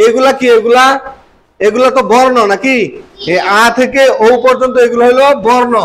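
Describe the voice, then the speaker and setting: A man's voice: very high voice, flat delivery, normal speed. A man teaching young children in a classroom, asking questions and drilling sounds for them to repeat. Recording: noisy classroom recording.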